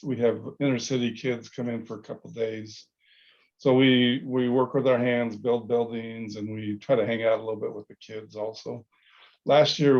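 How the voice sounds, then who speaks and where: A middle-aged man who leads service trips, talking casually in a class discussion and pausing often with fillers and restarts. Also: mid-range voice, darkish tone. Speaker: service trip leader. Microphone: video call. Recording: dull lo-fi video call.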